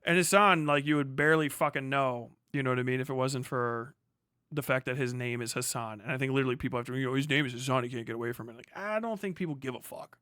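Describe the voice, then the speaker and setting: Talking fast in a bright, forceful, smooth mid-range voice, this American livestream host reads chat and answers it with casual, profane, slangy rambling. The clean studio recording has no echo.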